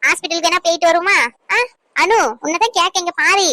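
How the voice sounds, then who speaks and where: A devoted cartoon mother, played by a woman, coaxing and pleading in a very high voice. She sounds tender and anxious, recorded close and dry. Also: fairly even intonation, a little fast, pushed and bright, dry recording. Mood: worried. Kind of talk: cartoon voice acting.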